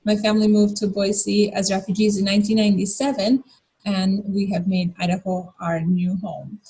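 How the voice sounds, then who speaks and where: A woman born in Bosnia and Herzegovina, welcoming viewers as co-host of a community celebration with friendly, occasionally halting delivery. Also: medium pitch, flat delivery, dark tone, slightly rough, low-quality recording. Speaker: event co-host. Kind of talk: scripted welcome address.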